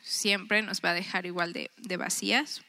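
A woman's voice: on the low side, steady tone, normal speed, gravelly, bright, forceful tone. A woman in her thirties giving a chatty, earnest devotional talk to a women's group, often acting out her own thoughts. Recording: long reverb.

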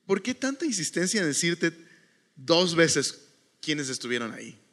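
A man's voice: a little high, big pitch swings, measured pace, a bit bright, long reverb tail. A man preaching a sermon in a chatty, conversational way, often checking in with the listeners and reading scripture aloud.

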